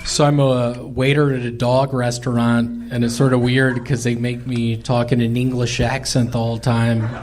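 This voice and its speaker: A male stand-up comedian from Memphis, telling absurd jokes in a halting, deadpan way with many pauses. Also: medium pitch, music in the background. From Memphis, Tennessee.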